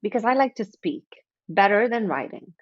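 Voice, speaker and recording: A woman whose first language is French chats as a guest author in a casual interview, with a medium-pitched, lively, brisk voice. The recording is dry with no room sound and the highs cut off, and she keeps restarting sentences and acting out her own thoughts.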